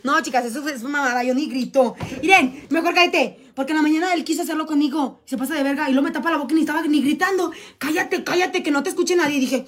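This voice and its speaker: A woman's voice: high-pitched, fast talker, hardly any pauses. A young Mexican woman hosting a casual live stream, joking crudely, laughing often and reading out viewer donations. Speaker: livestream host.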